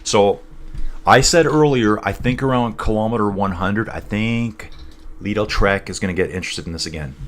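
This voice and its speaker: A man from North East England hosting a casual cycling livestream, rambling between race commentary and reading out viewer chat, calling everyone dude and guys. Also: lowish voice.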